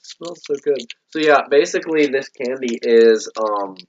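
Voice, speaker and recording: A man's voice: mid-range voice, unhurried, dull audio, a little hiss or hum. A man casually co-hosting a candy review, joking and teasing his partner. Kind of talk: casual chat.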